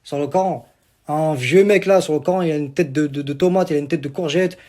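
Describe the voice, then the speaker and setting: A man's voice: on the high side, a little fast, warm tone. A young man from Algeria ranting boastfully in a casual vlog, repeating himself and swearing oaths, recorded on a phone. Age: young adult. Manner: boastful, repetitive swearing on the Quran. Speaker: social media personality.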